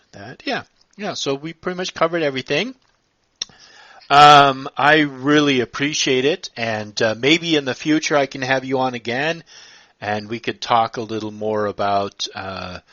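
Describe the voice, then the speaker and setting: A male host chatting casually on a live stream, stopping often with fillers and restarting his sentences. His voice sits at a middling pitch. The recording is dull and lo-fi, with a close, dry sound. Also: a bit bright, no echo. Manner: hesitant, many fillers and restarts. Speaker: podcast host.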